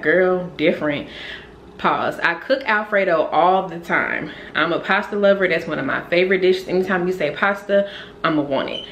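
A woman's voice: fairly low pitch, rough recording. A young woman, chatting loosely to viewers in a casual cooking vlog, filmed on a phone in a small home kitchen. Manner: chatty and loose, talks straight to viewers as "y'all". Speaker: vlogger. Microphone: handheld phone camera. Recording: home kitchen with clear frying and stovetop noise.

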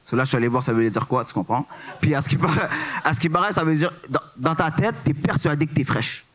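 Fast-talking and a bit bright, with a voice that's a little high, a stand-up comedian in his twenties performs on a club stage with a Québécois French accent. He leans on slang and English words and keeps asking if you follow.

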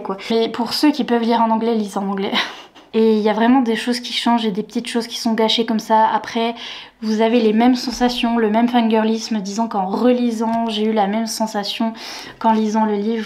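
A young woman book vlogger chatting casually to camera, animated, laughing often and mocking awkward word choices. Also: fairly high pitch.

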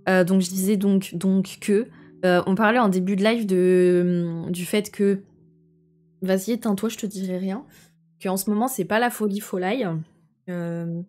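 A woman's voice: fairly low pitch, darkish tone. A young woman streamer chatting casually and rambling with her viewers, answering chat messages as she goes.

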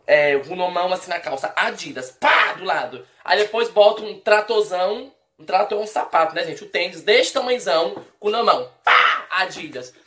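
A woman's voice: on the low side, expressive, brisk, few pauses, a bit bright. A Brazilian woman talks straight to her viewers in a comic opinion rant. She is blunt and teasing, and she exaggerates everything with mock outrage. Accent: Brazilian Portuguese. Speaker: vlogger.

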